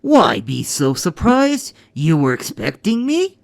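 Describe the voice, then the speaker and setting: A man's voice: fairly high pitch, wildly swooping pitch, vocal fry, dry recording, heavily acted. A man putting on a cackling, mocking Joker. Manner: mocking, drawn-out delivery with cackling laughs. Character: sneering, theatrical male villain clown.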